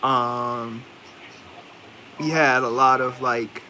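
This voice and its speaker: Man, Indian accent, casual slangy reviewer, rambling, tense bright tone. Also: mid-range voice, steady tone, drawn-out words. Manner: rambling, slangy, thinking aloud with many fillers. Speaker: movie reviewer. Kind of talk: casual spoken movie review.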